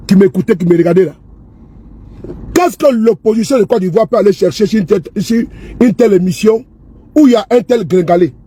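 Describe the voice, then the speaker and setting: A man's voice: high-pitched, warm tone, a little hiss or hum. A man giving casual, scornful political commentary to camera, repeating himself and asking viewers if they see. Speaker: political vlogger. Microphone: phone or camera he handles himself.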